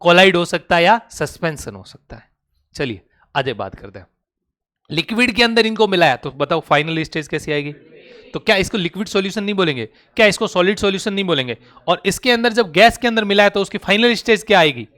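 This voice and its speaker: Male teacher, high-pitched voice, runs a rapid question-and-answer drill and coaxes his students to answer. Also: expressive, a bit bright. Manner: coaxing, calls students "beta". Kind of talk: classroom lecture.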